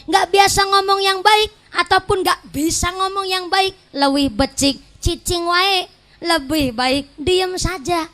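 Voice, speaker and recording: A woman preacher with a high voice and a Banyumas Javanese accent delivers a comic sermon. She tells playful stories and slips regional dialect words into her talk. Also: fairly even intonation, measured pace, a bit bright. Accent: Banyumas Javanese (Ngapak). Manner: jokey storytelling, mixes regional dialect words into Indonesian. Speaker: Islamic preacher. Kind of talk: humorous sermon.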